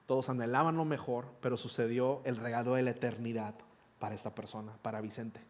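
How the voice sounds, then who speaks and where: A middle-aged man, a pastor telling a personal story in a conversational sermon and acting out the dialogue. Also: medium pitch. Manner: conversational, animated retelling with quoted dialogue.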